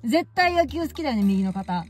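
Animated woman telling a casual story. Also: on the high side, a little fast, slightly rough. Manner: animated, exclaiming, laughing at herself. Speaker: baseball fan vlogger.

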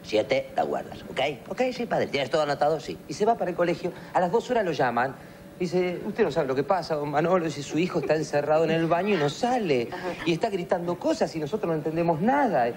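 A man with an Argentine accent telling a joke on a TV comedy panel, switching between a father's voice and a child's voice. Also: slight background noise. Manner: lively, quick banter; voices a father and a squeaky son.

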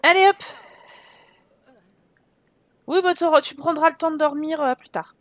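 A woman's voice: sits high, fairly even intonation, brisk, no echo. A woman giving casual, chatty commentary while playing a life-simulation game, teasing her characters and getting exasperated. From France. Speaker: game streamer.

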